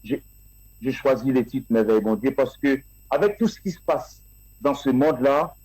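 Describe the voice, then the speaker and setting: A man being interviewed about his music, answering in a halting way with many fillers and restarts. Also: medium pitch, a little mellow, breathy edge, no room sound, poor audio. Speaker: guest musician.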